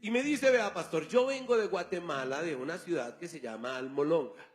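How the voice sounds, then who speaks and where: Man, pastor preaching, high voice, faint music behind. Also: animated, moderate pace. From Colombia. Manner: storytelling preacher, acts out dialogue. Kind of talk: sermon.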